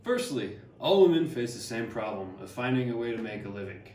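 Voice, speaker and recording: A man's voice: medium pitch, animated, brisk, a little mellow, slight background noise, close to an everyday voice. A young man playing Harriet Martineau, a learned older woman, reading lines plainly with small stumbles. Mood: measured. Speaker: student actor. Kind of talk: amateur class skit read from script. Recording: echoey room, distant mic.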